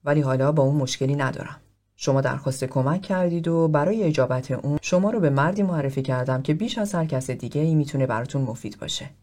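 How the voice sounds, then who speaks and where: A man reading the part of a sixty-five-year-old psychotherapist who speaks in a probing, gently direct way. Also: fairly high pitch, close to an everyday voice. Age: 60s.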